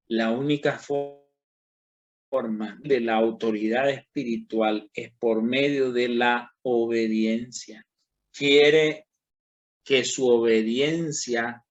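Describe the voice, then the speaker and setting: A pastor teaches a Bible class in a sermon style, slow and emphatic, his medium-pitched voice rising on key words as he speaks straight to his listeners. The sound is lo-fi.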